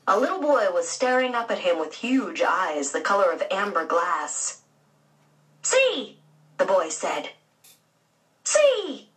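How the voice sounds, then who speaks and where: A woman narrating a children's storybook with an expressive storytelling delivery. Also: a little high, far from the mic, low-quality recording.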